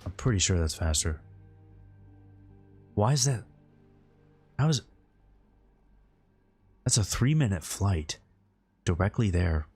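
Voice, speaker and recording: Deep-voiced man chatting casually on a game stream. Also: big pitch swings, slow pace, long pauses, darkish tone, breathy edge, dry recording, soft background music. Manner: informal, rambling, conversational. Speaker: game livestream host. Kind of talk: casual gaming stream commentary, answering viewer chat.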